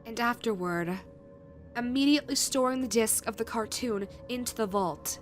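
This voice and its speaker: A woman reading a scripted creepypasta horror narration in a measured way, with dramatic pauses. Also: on the high side. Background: background music.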